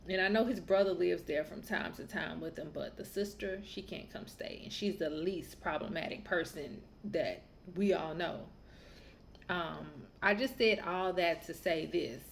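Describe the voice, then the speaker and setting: She has a low voice with vocal fry and talks a bit slowly, a podcast host raised in the American South. Her casual monologue recounts a family story in a candid, opinionated, talkative way, over a slight hiss or hum.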